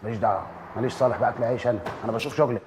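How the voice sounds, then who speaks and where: For a TV comedy series, a man voices a meddling doorman who orders the building's residents about, speaking Egyptian Arabic tinged with Upper Egyptian speech. His mid-range voice sounds close to everyday, delivered in a quick, brash, bossy, comic way over background noise.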